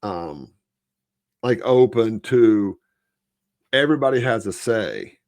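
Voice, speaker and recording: A man co-hosting a podcast, talking politics in a blunt, profane, casual way and letting his phrase ends drop low. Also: expressive, slow pace, a little mellow, no room sound. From Florida. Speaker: podcast co-host.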